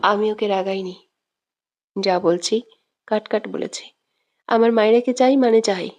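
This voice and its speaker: A woman's voice: mid-range voice, unhurried, a little mellow, dull audio, natural voice. A woman voicing a smug, scheming young man who taunts his rival in a storybook reading. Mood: defiant.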